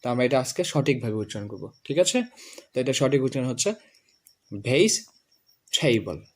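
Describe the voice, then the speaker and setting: A man's voice: medium pitch, lively intonation, a little mellow. Bengali-accented male pronunciation teacher. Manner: drills words slowly, repeats them for a student. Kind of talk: classroom lesson.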